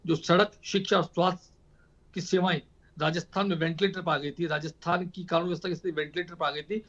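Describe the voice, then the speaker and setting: A man arguing as a party spokesperson in a heated TV debate, forceful and repetitive. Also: on the high side, steady tone, quick pace, lo-fi sound. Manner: forceful, repetitive rhetorical speech.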